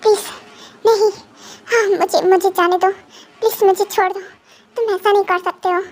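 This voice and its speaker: A woman's voice: very high-pitched, fairly even intonation, moderate pace, darkish tone. Woman voicing a stammering, terrified male captive. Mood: terrified pleading. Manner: pleading, stammering, crying. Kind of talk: Hindi fan dub drama.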